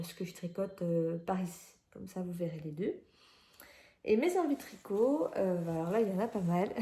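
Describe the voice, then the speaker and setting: A woman's voice: medium pitch, mellow, echoey room. A woman from France chatting casually about her knitting at home, with lots of hesitations and fillers. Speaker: knitting vlogger. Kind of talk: casual chat. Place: at home indoors, near a window shutter.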